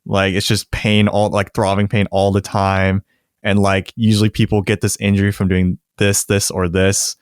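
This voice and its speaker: A man's voice: lowish voice, normal speed, clear, resonant tone, no room sound, studio quality. A young man co-hosting a podcast, telling stories in casual chat and laughing often. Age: young adult. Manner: laughs often, animated storytelling. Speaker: podcast co-host.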